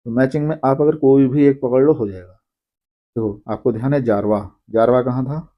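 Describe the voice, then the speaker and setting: A man teaching an exam-prep lesson, reading long lists of names slowly and pausing to explain. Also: medium pitch, lo-fi sound. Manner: reads names slowly, apologizes for pronunciation.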